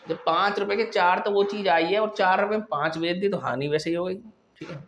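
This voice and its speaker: A man's voice: high-pitched, a little fast, a bit bright, slight background noise. Man teaching maths step by step. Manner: explains step by step, often checking with "ठीक है". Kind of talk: classroom maths lesson.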